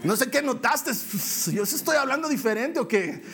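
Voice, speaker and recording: A man's voice: extremely high pitch, lively intonation, moderate pace, a bit bright, voice pushed up, full character voice. A man voicing an impulsive, hot-headed fisherman disciple who talks in a brash, slangy, defensive way.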